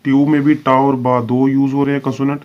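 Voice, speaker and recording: A man's voice: mid-range voice, little pitch movement, brisk. A man teaching a shorthand lesson, explaining each example patiently and repeating his phrases, drawing out the example words. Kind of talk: step-by-step video lesson. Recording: dull, lo-fi recording.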